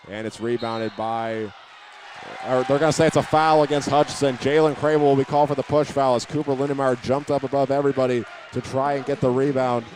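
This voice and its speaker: A man with a mid-range, somewhat dark voice narrates a high school basketball game as it happens indoors. He talks fairly quickly in a steady tone, using short, plain descriptive phrases. Gym noise can be heard behind him in this live recording.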